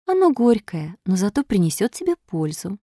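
A woman voicing a gentle motherly fairy. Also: mid-range voice, big pitch swings, normal speed, dry recording, studio quality. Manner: gentle, soft-spoken, coaxing. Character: kind, patient motherly fairy. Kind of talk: storybook reading.

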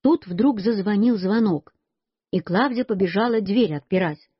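A woman reads a children's story aloud in a plain storytelling voice. Her tone is husky and breathy, dry and close to the mic. The recording is dull and lo-fi. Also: medium pitch, moderate pace, dry recording. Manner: plain storytelling in a boy's first person.

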